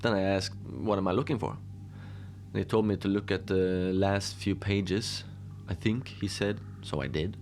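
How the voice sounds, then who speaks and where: Sitting low in pitch, a man voices a deadpan wanderer in a cozy horror audio drama, slowly talking through his peculiar adventures with rambling, faltering side comments. His tone is amiable, with a little hiss or hum audible.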